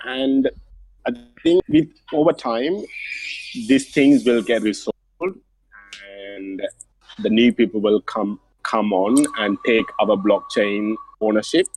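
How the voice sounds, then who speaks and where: Husky man, low earnest voice. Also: very animated, takes it slowly, darkish tone, poor audio. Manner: earnest, encouraging, speaks in simple non-native phrasing. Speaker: interview guest. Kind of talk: casual online interview.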